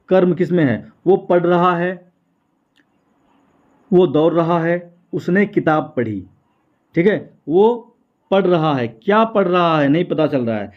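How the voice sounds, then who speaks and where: Guy going over hindi exam questions, repeats everything, kinda high voice, sounds like a phone line. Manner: repetitive, asks and answers own questions. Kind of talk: exam prep lesson.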